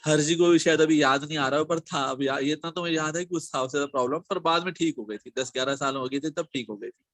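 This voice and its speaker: Middle-aged man, a touch high-pitched, close and dry; thoughtful, hesitant talker. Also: fast, a bit bright, dry recording. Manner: thoughtful, searching for words. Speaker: discussion participant. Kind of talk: casual group discussion.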